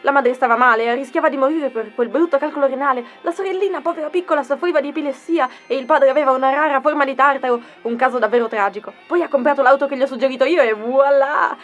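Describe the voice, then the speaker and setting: A woman's voice: sits high, quick pace, few pauses, muffled recording, faint music behind, close to an everyday voice. A woman playing an overbearing car saleswoman, with theatrical sales patter and constant tag questions. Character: pushy fast-talking female car dealer. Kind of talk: comic audio sketch.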